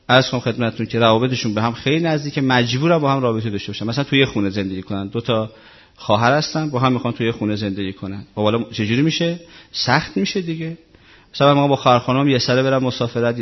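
Man giving a chatty religious talk. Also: mid-range voice. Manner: conversational, repetitive, asks rhetorical questions. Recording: muffled lo-fi recording.

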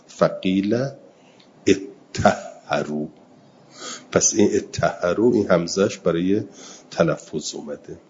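A man with a very low voice teaches a seminary lesson on Quranic grammar. He reads Arabic slowly and deliberately, then explains each point quickly in everyday Persian. The recording sounds slightly muffled, with faint background noise. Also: a little mellow. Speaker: religious studies teacher.

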